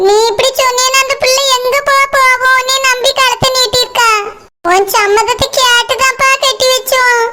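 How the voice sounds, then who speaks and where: A woman voicing a greedy, scheming village woman in a cartoon, with a Kanyakumari Tamil accent and a shrill, muttering delivery. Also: flat delivery, normal speed, bright, forceful tone. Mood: pleading. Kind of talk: cartoon voice acting.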